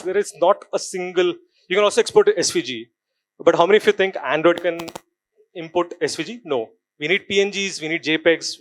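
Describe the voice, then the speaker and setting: A man with an Indian English accent giving a live technical conference talk, quizzing the audience and slipping into Hindi. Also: a little high. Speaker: conference speaker. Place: conference hall stage.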